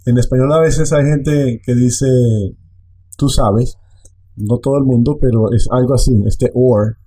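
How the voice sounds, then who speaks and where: A man teaching a language online, explaining slowly and repeating phrases. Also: mid-range voice, fairly even intonation, mellow.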